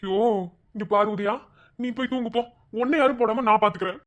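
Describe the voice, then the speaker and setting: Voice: mid-range voice, fairly quick, a bit bright, muffled recording, natural voice. A performer voicing a worried, flustered father in a cartoon, with a Madurai Tamil accent. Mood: soothing. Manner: flustered, exasperated, soothing. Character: worried father, fussing over his drunk son. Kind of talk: cartoon voice acting.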